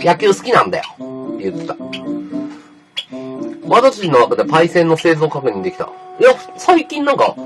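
Male livestreamer, casual chat, offhand slangy delivery, very animated intonation, faint guitar music. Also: on the high side. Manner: rough, offhand slangy talk, answering comments aloud. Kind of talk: casual livestream chat reading viewer comments.

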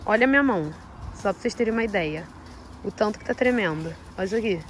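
A woman's voice: medium pitch, animated, fast talker, slight background noise. A Brazilian woman vlogging by hand outdoors in the rain, shaken and trembling with nerves as she talks to her viewers. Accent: Brazilian Portuguese. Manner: shaky and nervous, shouting at a horse. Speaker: vlogger with horses. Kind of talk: casual vlog talk to camera. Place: outdoors in the rain at a horse farm.

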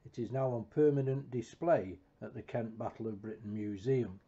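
A man giving a scripted, measured technical narration of an engineering build, with a dull lo-fi recording. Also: mid-range voice, dark tone. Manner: measured, precise technical delivery. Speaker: project narrator.

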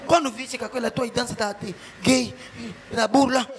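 A male comedian, doing a crude, mocking stand-up roast that switches between shouting and sing-song teasing. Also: extremely high pitch, fairly even intonation, moderate pace.

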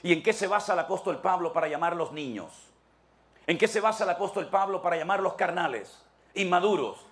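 A man, a pastor preaching a sermon emphatically with forceful peaks. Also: high voice, expressive, fairly quick.

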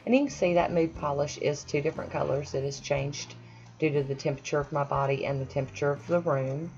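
Speaking quickly with a deep, darkish voice and fairly even intonation, a woman narrates over her own nail painting at her home manicure station. This nail art vlogger is casual and self-deprecating, tossing in friendly asides, and the sound is lo-fi.

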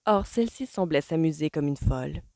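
A woman reading a novel aloud as an audiobook, with measured storytelling. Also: deep voice, expressive, creaky, dark tone, dry recording, clean studio sound. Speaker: audiobook reader. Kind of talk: novel narration.

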